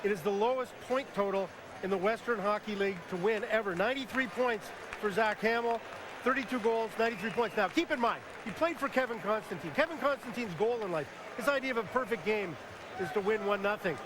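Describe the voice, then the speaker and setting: A man with a fairly high voice breaks down players on a televised draft, emphatic, detailed and dryly funny. The sound comes from a worn VHS tape copy, with tape hiss and a clear crowd murmur behind him. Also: fairly quick. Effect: hissy worn VHS tape copy. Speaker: television hockey analyst. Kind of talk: live sports broadcast analysis. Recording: hissy old videotape broadcast with crowd.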